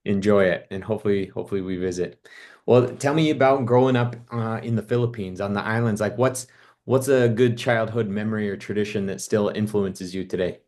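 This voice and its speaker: A man's voice: fairly low pitch, fairly quick, darkish tone. A man interviewing a guest in a casual, upbeat, encouraging way.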